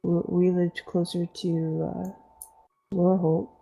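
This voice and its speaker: A woman's voice: lowish voice, level tone, takes it slowly, vocal fry, dark tone, soft background music, exaggerated voice, rough recording. A woman voicing a weary, resigned old male dog who was once human, speaking hesitantly and matter-of-factly in a tabletop game. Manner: hesitant, understated, matter-of-fact.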